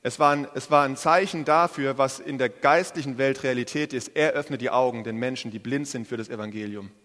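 A man preaching a sermon in a lively, casual way, speaking straight to the congregation. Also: mid-range voice, brisk. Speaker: pastor. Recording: preached in a large hall with long reverb.

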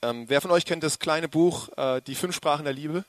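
Man, preacher, sermon, lively and joking, speaks to the congregation directly, slightly high voice, dry close sound. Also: normal speed, dry recording.

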